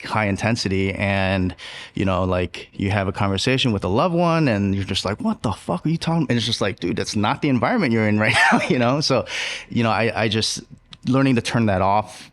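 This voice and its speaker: A chef and restaurant co-owner talking in a casual podcast conversation, reflective and halting with many fillers and restarts. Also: male voice, on the low side, fairly bright tone, no room sound.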